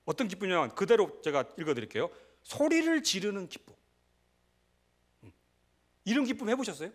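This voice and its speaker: A middle-aged man preaching a sermon as pastor, conversational and animated, breaking into shouts and laughter. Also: high voice, a little fast.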